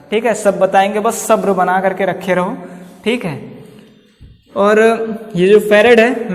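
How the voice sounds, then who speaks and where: A man with an Uttar Pradesh Hindi accent explains physics at a board in a high, bright-pitched voice. He repeats each term and keeps checking that students follow. A long room reverb trails behind his words. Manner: repeats key terms with many "ठीक" checks, coaxing students. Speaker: physics teacher. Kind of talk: blackboard lecture.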